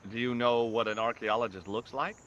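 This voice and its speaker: An actor voicing the wry, sarcastic protagonist who also narrates a video game. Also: male voice, mid-range voice, fairly even intonation, fairly quick, a bit bright, muffled recording, slight background noise, close to an everyday voice.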